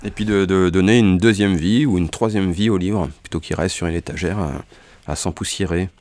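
A bookseller presenting authors in a relaxed chat, hesitant, with many fillers and restarts. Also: male voice, low-pitched, fairly quick, no room sound.

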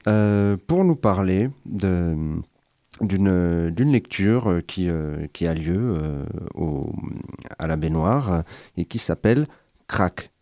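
A man's voice: low voice, animated, takes it slowly, mellow, no echo. A man hosting a radio interview, speaking with many hesitations and fillers into a studio microphone. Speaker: radio host.

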